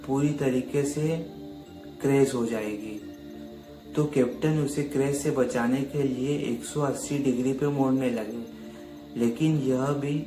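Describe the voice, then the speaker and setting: A man telling a mysterious ghost story in a casual, chatty way, often speaking to his listeners as friends. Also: mid-range voice. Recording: echoey room with faint music.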